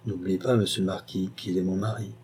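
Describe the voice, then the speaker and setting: A man's voice: medium pitch, mellow, husky, lightly acted. Man voicing a scheming young governess. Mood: mocking. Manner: measured, pointed, deliberately detaching words. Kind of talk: audiobook character reading.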